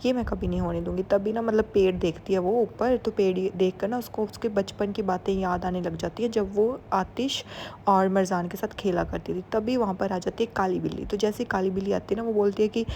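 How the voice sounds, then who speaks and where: A young woman talks through a drama's scenes as if telling a friend, loose and chatty. Her voice sits mid-range and sounds mellow and relaxed. She slips English words into her running retelling. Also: mid-range voice, fairly quick, slight background noise. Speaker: series recap narrator. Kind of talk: casual spoken story recap.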